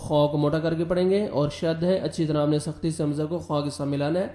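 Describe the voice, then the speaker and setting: A man teaching Quran recitation, explaining the rules quickly and then reciting each verse slowly and drawn out. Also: on the high side, little pitch movement, mellow, reverberant. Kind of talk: tajweed recitation lesson.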